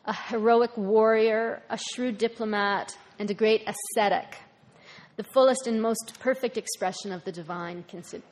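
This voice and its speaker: Woman giving a measured talk. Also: on the high side. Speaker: speaker at a talk. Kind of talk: informal talk.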